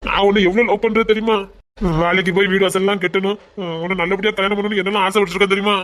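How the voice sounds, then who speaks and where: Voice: mid-range voice, flat delivery, racing, fairly bright tone, natural voice. An actor voicing a young village man, coaxing and reassuring his girlfriend. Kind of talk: amateur village drama.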